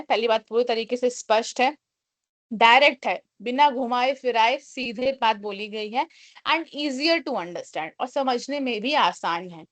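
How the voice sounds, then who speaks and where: Woman, teacher, higher-pitched voice, class lecture, slow English definitions, rhetorical questions. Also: fairly bright tone. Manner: explains in Hindi, reads English lines slowly.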